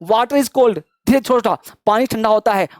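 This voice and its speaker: A man with a high voice leads an energetic online spoken English lesson built on call-and-response drills, cheering learners on and repeating example sentences in rhythm. He drops to a deliberate, syllable-by-syllable pace when modelling them. The studio-quality recording has no echo.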